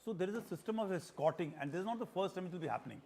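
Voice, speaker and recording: A man with an Indian accent giving expert news commentary as a military analyst, explaining in halting phrases with pauses mid-sentence. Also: high-pitched, expressive, creaky, darkish tone. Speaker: military analyst, retired general.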